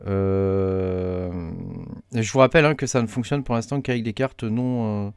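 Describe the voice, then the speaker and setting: Low-voiced man, relaxed screen tutorial, lots of "euh", dry close mic, keyboard typing behind. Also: a little slow, clean tone, no room sound. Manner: hesitant, many fillers, thinks aloud while clicking. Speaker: crypto mining tutorial host. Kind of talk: casual screen-recorded tutorial.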